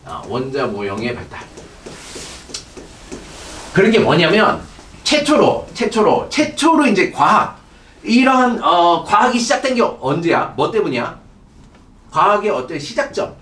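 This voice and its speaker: A high, lively male voice lecturing on chemistry, keeping his students engaged with constant check questions. He sounds middle-aged and sits back from the microphone, and his voice bounces around a reverberant classroom. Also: a little slow, pauses often. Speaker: chemistry teacher. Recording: echoey room, distant mic.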